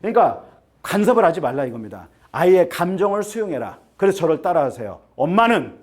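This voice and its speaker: Male admissions consultant speaking to parents: a fairly high voice that swings up and down a lot, chatty and joking, keeps asking the room to agree. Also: sing-song, brisk. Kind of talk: lecture to parents. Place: seminar room with an audience.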